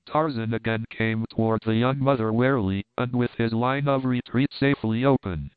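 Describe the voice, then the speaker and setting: A man giving a steady, measured reading of an adventure storybook. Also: medium pitch, smooth, dry recording. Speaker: audiobook narrator. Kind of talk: scripted story narration. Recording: narrow phone-like sound.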